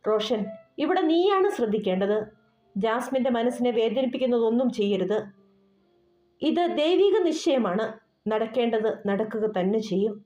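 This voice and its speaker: A woman's voice: fairly high pitch, lively intonation, normal speed, lightly acted. A woman voicing a wounded young woman who speaks with bitter resignation, in an audio novel. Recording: roomy dull recording with soft music.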